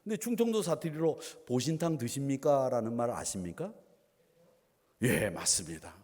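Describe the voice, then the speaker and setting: A man's voice: mid-range voice, wildly swooping pitch, normal speed, darkish tone, husky. A male pastor delivering a Sunday sermon, asking the congregation rhetorical questions and mixing in playful asides. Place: church sanctuary. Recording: long church hall reverb.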